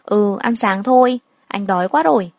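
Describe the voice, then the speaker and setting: A woman voicing an affectionate young husband who talks in a relaxed, easygoing way, read in a storybook. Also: medium pitch, normal speed, dry recording, clean studio sound, natural voice.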